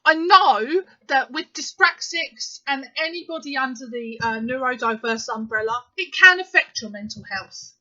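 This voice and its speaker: A vlogger in her thirties talks straight to camera, emphatic and indignant, with plenty of fillers. Her voice is high, sharp and animated, moving at a moderate pace with few pauses, captured on a slightly muffled lo-fi recording.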